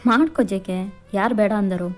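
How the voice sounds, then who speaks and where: A woman's voice: mid-range voice, normal speed, darkish tone, soft background music, close to an everyday voice. A woman voicing a ruthless, domineering rich father who coldly threatens a young woman in a fan fiction voiceover. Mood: scheming.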